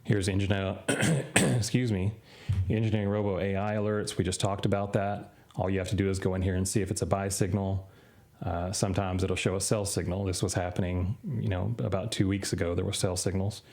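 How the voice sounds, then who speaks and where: Man, very low voice, hoarse and fading, frequent throat clearing, casual screen-share walkthrough, loose unhurried delivery. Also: level tone, darkish tone. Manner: unhurried, loose, full of "uh" and "you know". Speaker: crypto trading channel host.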